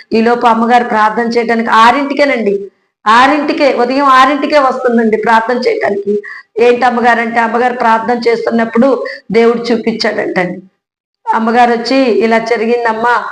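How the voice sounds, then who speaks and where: A woman with a fairly high voice gives a heartfelt personal faith testimony. She tells her story earnestly and keeps addressing her listeners politely. Her voice rings in an echoey room. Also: fairly even intonation, fairly quick. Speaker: church member giving testimony.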